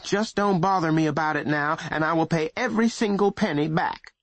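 A woman's voice: sits low, fairly quick, dry recording, pitched above the performer's own voice, lightly acted. A man voicing a pushy, self-pitying middle-aged mother in an audiobook, insistent and plaintive. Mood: cold. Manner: insistent, wheedling, turning plaintive.

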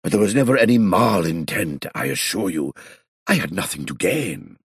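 A man voicing an excitable elderly male illusionist who talks in a theatrical, flustered way and drops French phrases. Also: deep voice, normal speed, breathy edge, no room sound, studio quality, voice pushed up, heavily acted. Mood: agitated. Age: older.

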